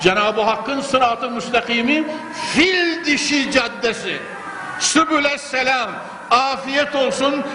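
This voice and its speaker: An older male preacher with a fairly high voice, heard through a pulpit microphone in a large hall. His fervent, rhythmic delivery rings with long reverb, and steady background noise sits under it. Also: slow pace. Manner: fervent, rhythmic, repeating phrases for emphasis. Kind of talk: mosque sermon.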